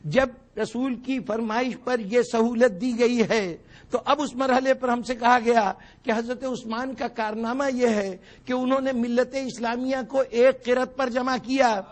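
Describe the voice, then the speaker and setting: A man with a strikingly high voice delivers a religious lecture to a gathering. He explains step by step and drives his points home with sharp rhetorical questions. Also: fairly even intonation. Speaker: religious orator at a mourning gathering. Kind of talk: sermon-style lecture.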